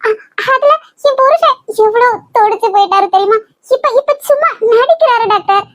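A woman's voice: extremely high pitch, animated, moderate pace, no echo. A woman voicing a desperate young pregnant wife in a cartoon drama, pleading and stammering in Kanyakumari Tamil. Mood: tearful pleading. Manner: tearful, stammering pleas.

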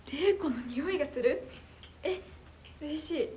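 Loud, bubbly young woman with a high voice. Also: very slow, a little hiss or hum. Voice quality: anime-like voice. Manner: loud, clear, carrying voice; bubbly, excitable reactions. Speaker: idol livestreamer reading viewer comments. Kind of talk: casual livestream chat.

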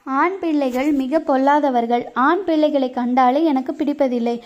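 A woman reading as a sharp-tongued young boatwoman. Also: high voice, fairly even intonation, lightly acted. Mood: tart. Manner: mocking, quick-witted retorts. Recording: dull lo-fi recording.

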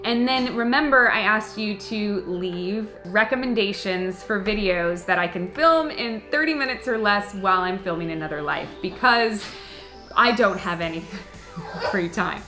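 A woman's voice: mid-range voice, bright, forceful tone. A woman hosting her own channel, casually and playfully answering viewer comments and laughing often. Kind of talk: casual chat to camera. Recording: echoey room.

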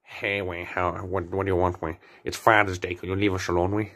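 A man voicing a grumpy, crude adult man with a deep, gravelly voice, speaking gruffly and irritably. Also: little pitch movement, a little fast, a bit bright. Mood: annoyed.

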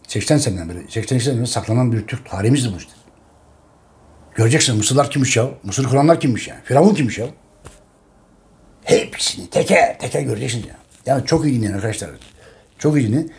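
Man, middle pitch, impassioned monologue, repeats every phrase, urgent and pleading. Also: a little mellow. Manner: emphatic, repeats phrases, calls listeners friends; urgent, pleading with viewers to share. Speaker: channel host presenting his history book.

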